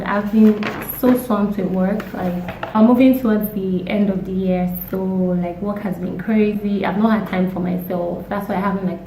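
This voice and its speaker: A young woman, hoarse from a cold, chatting casually and emphatically as a vlogger with exasperated rhetorical questions. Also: mid-range voice, warm tone. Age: young adult. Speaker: YouTube vlogger. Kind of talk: casual opinionated chat. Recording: roomy echo, distant mic, faint noise.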